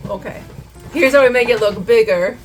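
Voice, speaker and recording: A woman's voice: on the high side, moderate pace, faint music behind. A woman hosting a casual cooking vlog, teasing and giggling a lot. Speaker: vlog host.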